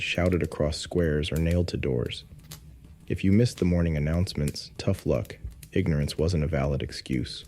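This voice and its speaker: A man narrating a scripted bedtime history story in a calm, unhurried way, with wry asides. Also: rumbling low.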